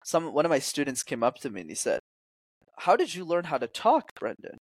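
This energetic coach in his twenties talks briskly in a relaxed interview about communication, voicing quotes with sharp pitch jumps. The audio has no echo.

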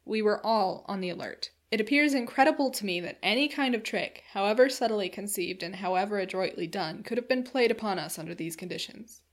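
A woman narrating a classic novel in a measured, steady storytelling voice. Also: mid-range voice. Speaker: audiobook reader.

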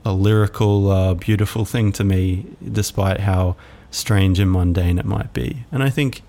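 A man hosting a reflective solo podcast, musing aloud in a halting way with many fillers. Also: deep voice, steady tone, warm tone. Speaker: podcast host.

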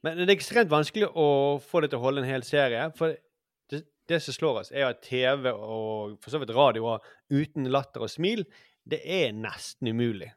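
A man in his forties with a mid-pitched voice, chatting on a podcast. He muses aloud and rambles with lots of fillers. The recording is close and dry. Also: lively intonation, dry recording. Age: 40s. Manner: musing, rambling, many fillers. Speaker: podcast host. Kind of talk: casual chat.

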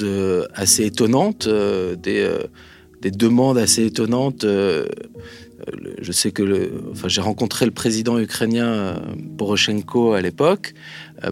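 A man telling a lively anecdote in an interview, with lots of hesitations, speaking straight to his listener. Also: lowish voice, vocal fry. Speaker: interview guest. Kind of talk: casual storytelling.

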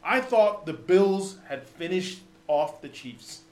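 A man's voice: sits high, animated, takes it slowly, darkish tone, echoey room. A man co-hosting a casual sports podcast, talking in a rambling way with many restarts. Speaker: podcast co-host.

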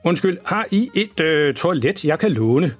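A man's voice: a little high, very animated, husky, soft background music, pitched above the performer's own voice. A man playing a blustery, boastful dad. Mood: cheery. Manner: blustery, rambling storyteller. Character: boastful, embarrassing dad, tall-tale teller.

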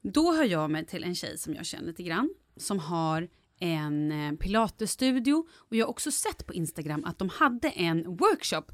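Animated Swedish-speaking woman podcaster. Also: fairly low pitch, no room sound. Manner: animated storyteller, acts out others' lines. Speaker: podcast co-host. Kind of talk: casual chat.

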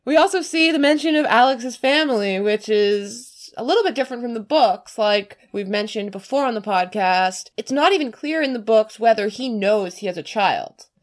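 A woman co-hosting a podcast in casual discussion, enthusiastic and speaking in quick excited bursts. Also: fairly high pitch. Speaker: podcast co-host.

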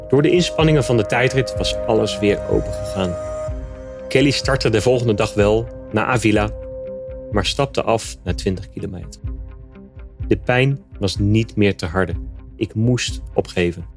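A man narrating a scripted nonfiction account in a steady, measured reading voice. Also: on the low side, over music.

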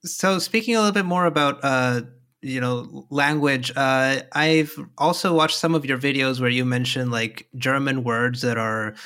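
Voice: medium pitch, moderate pace, a bit bright, clean tone. Rambling interviewer full of fillers. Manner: rambling questions with many fillers. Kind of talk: casual interview chat.

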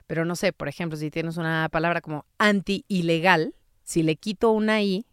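A woman explains grammar in relaxed conversation, patient and teacherly. Her voice is smooth and clear, recorded dry and close with no room around it. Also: deep voice, quick pace, dry recording. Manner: patient, teacherly, gives everyday examples. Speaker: spelling and grammar expert guest. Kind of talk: casual explanatory chat.

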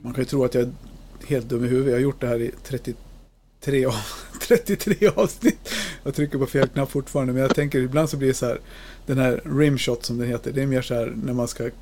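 A man's voice: medium pitch, flat delivery, background noise. A man in his fifties hosting a podcast, chatting casually, joking and swearing easily. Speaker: podcast host.

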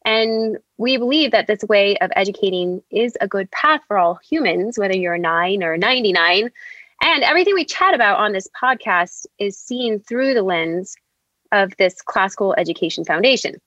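A woman's voice: medium pitch, expressive, normal speed, fairly bright tone, no room sound, dull audio. A woman hosting a podcast, introducing the conversation in a casual, conversational style. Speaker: podcast host.

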